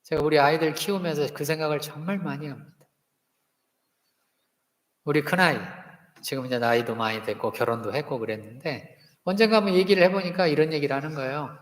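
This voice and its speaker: A man's voice: fairly high pitch, brisk, pauses often. A pastor in his fifties preaching a sermon, often putting questions to the congregation and having them repeat lines after him. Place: church sanctuary. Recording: echoey hall with long reverb.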